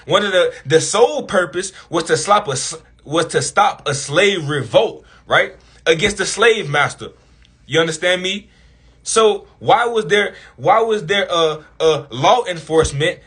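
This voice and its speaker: Male commentator, slightly high, husky voice, preachy monologue with constant rhetorical questions. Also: bright, forceful tone. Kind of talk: impassioned monologue to camera.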